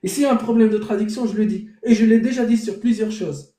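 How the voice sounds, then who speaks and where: Hosting a live debate stream, a man with a high, mellow, soft-edged voice argues his case fast, posing rhetorical questions and answering them himself. Arabic is his first language, and the room rings with echo.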